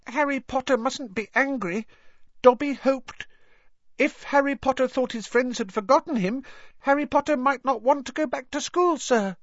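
A man voicing an anxious, servile male house-elf in an audiobook reading, with a high, pleading manner. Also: normal speed, a bit bright, no echo, full character voice. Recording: dull dry studio sound.

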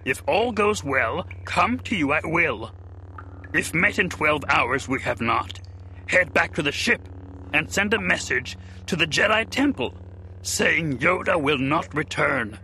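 A man reading an audiobook voices an ancient, small, wise alien master who speaks with inverted word order in a croaky voice. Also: a little high, lively intonation, a little slow, sharp tone, slight background noise, voice pushed up, full character voice, low-quality recording. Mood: grave.

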